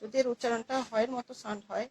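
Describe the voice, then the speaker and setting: Woman teacher, slightly high voice, patient and repetitive, explaining grammar to children. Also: steady tone, rapid-fire, darkish tone, a little hiss or hum, rough recording. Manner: patient, repeats key words, asks and answers her own questions. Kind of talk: classroom lesson explaining articles.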